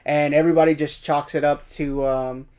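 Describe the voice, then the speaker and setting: A man's voice: fairly high pitch, little pitch movement, normal speed, darkish tone, clean tone. A man co-hosting a casual review podcast, recapping the plot with energy and acting out the characters' lines. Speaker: podcast co-host.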